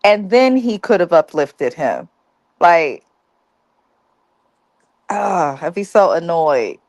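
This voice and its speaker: A woman's voice: on the low side, sing-song, takes it slowly, darkish tone, no echo. A woman co-hosting a TV recap, talking bluntly and profanely in a casual, ranting way. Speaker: co-host of a TV recap show. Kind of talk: casual review chat.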